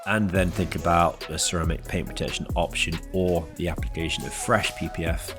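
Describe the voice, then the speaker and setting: A car detailer who hosts his own channel narrates a detailing video while clearly suffering from a cold, sounding nasal and stuffed up. He speaks fairly quickly in a low, steady voice, walking through each step in order in an explanatory way, with loud music beneath the voice-over.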